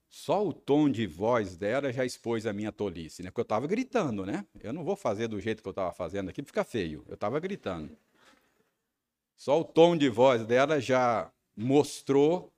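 A medium-pitched, slightly mellow male voice belongs to a pastor with a Brazilian Portuguese accent. In his sermon he relates a personal story, using frequent tag questions and acting out his own angry rehearsal.

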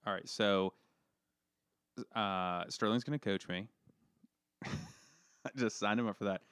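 A man with a fairly low, smooth, clean voice chats casually as a podcast co-host. He rambles, piles up fillers and restarts, and pokes fun at himself. The sound is dry and close, with no room around it. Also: slow, fairly bright tone, no room sound. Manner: rambling, filler-heavy, self-deprecating. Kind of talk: casual chat.

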